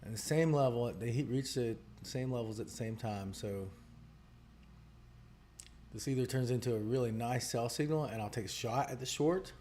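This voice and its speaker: A man co-hosting a live trading stream, chatting casually and thinking out loud in relaxed banter. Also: mid-range voice, moderate pace, a little hiss or hum. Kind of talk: casual chat while trading.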